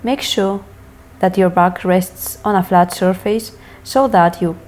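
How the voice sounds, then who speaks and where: A woman instructor reading scripted lesson narration in a measured, deliberate way, setting out each step separately. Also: on the low side, a little mellow. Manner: measured, deliberate, enunciating list items one by one. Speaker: hypnosis course instructor.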